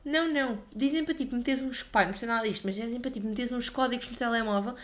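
A woman's voice: on the high side, rapid-fire. A young woman, chatting casually and giving opinions in slangy speech as a podcast co-host. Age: young adult. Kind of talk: casual chat.

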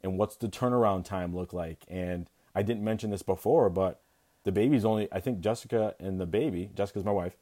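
A young man, an expectant father, speaking as an interview guest in a candid, reflective way, often halting and restarting his sentences. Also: deep voice, warm tone. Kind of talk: candid personal conversation.

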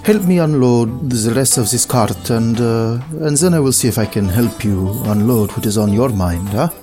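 A man playing a kindly, wise old religious elder who speaks calmly and gently in an audio drama. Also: medium pitch, normal speed, over music, natural voice. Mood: wry, kindly.

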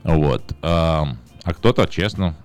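A man's voice: very deep voice, slow pace, smooth, soft background music. A man co-hosting a casual radio talk show, teasing and sarcastic as he asks listeners to call in. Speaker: radio host.

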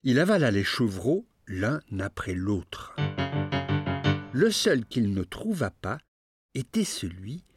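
Man, fairy tale narrator, animated, expressive storytelling, music behind. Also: mid-range voice, takes it slowly. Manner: expressive, rising and falling storytelling. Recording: narration over clear music.

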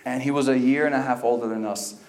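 A man in his thirties from a Cuban family, telling a funny story to a live crowd at a youth event, animated and breaking into loud acted quotes. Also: medium pitch, fast talker, reverberant. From Cuban family, raised in the US.

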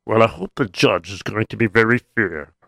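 A man's voice: lowish voice, lively intonation, normal speed, vocal fry, pushed and bright, no echo, clean studio sound, pitched below the performer's own voice, exaggerated voice. A man voicing a thoughtful male army captain who ponders aloud and hums to himself. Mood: pondering.

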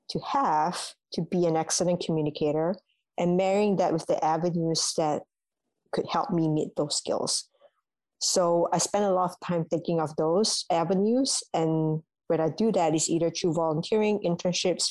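A young woman from Malaysia, a university alumna answering interview questions in a measured, thoughtful way, with ums and restarts. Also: fairly low pitch, darkish tone, dry recording, rough recording. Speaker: guest, alumna.

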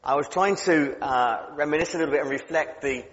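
West Country preacher in a reverberant church. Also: male voice, on the high side, fairly quick, a bit bright. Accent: West Country English. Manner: chatty and humorous, with frequent stammered restarts. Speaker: guest preacher. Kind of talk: sermon. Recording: dull sound with long hall reverb.

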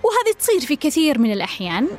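Fast, blunt high-voiced woman. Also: huge pitch swings, soft background music. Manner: blunt, repeats pointed rhetorical questions. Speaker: relationship advice host. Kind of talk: direct advice monologue.

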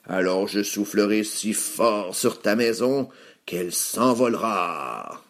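A man voicing a hungry, ill-tempered male wolf who drags out his threats slowly. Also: on the low side, lively intonation, heavily acted. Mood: menacing. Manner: slow, drawn-out threats.

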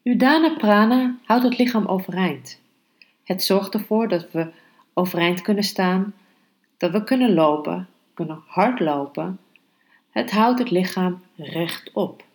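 A woman speaks as a yoga podcast host and meditation guide. Her delivery is calm, instructional and markedly slow, with unhurried pauses. Her voice sits at an average pitch for a woman.

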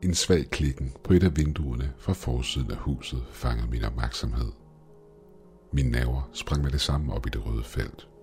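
A man with an extremely deep, low voice narrates a first-person horror story. His telling is scripted and tense. Faint music sits under his voice. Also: darkish tone.

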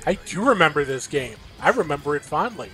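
A man's voice: on the high side, sing-song, a little fast, bright, forceful tone, poor audio. A man co-hosting a casual gaming news show, running through a schedule playfully with a few fillers. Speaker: co-host. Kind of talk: casual esports news chat.

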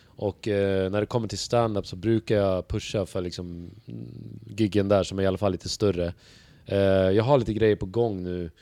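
Low-voiced, swearing male comedian. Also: vocal fry, few pauses, no room sound. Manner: animated storyteller, acts out other people's lines; swears freely, piles on casual fillers. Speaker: stand-up comedian guest. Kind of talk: casual podcast chat.

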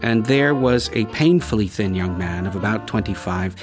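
Man telling a story over guitar. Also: on the low side. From United States. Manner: measured, with dramatic pauses. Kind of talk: scripted story narration. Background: guitar music.

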